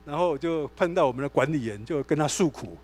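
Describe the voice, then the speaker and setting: Lively Taiwanese pastor, slightly high voice. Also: male voice, fast. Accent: Taiwanese Mandarin. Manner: animated storytelling, acts out dialogue. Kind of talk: sermon. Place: church sanctuary.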